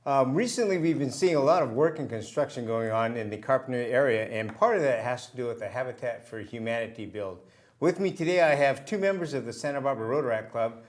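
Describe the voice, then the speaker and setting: A man hosting a community TV interview, asking his guests friendly, brisk questions. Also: medium pitch, expressive. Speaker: host.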